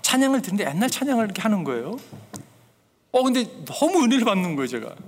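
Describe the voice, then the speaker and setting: A man's voice: high voice, sing-song, rapid-fire, long reverb tail. A man preaching as a pastor. He speaks earnestly and keeps turning to the congregation with questions. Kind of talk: sermon.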